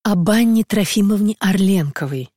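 A woman voicing a polite, formal young gentleman who comes to ask for a bride's hand. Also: mid-range voice, expressive, moderate pace, no room sound, studio quality, lightly acted. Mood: courteous. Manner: formal, courteous. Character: polite young gentleman suitor, growing impatient.

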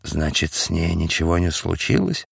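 A man's voice: low voice, big pitch swings, moderate pace, vocal fry, husky, no echo, clean studio sound, voice pushed down, exaggerated voice. A man voicing a despairing, bitter male figure who speaks gloomily. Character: despairing, angry young man, bitter and lovesick.

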